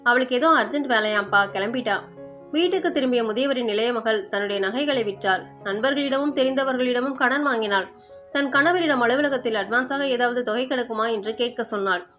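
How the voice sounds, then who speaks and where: Bright-voiced woman telling a story. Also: a little high, fairly quick, faint music behind. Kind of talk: storytelling narration.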